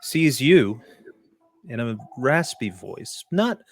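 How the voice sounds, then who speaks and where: A man narrating a tabletop game as game master, deliberate and dramatic, pausing between short descriptive phrases. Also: medium pitch, big pitch swings, soft background music.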